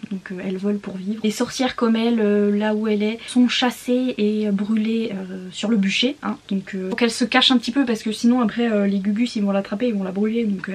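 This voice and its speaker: A young woman from France chatting casually while unboxing books, excitable and often breaking into giggles. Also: mid-range voice, husky. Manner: giggly, excitable, often laughing between phrases. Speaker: book vlogger.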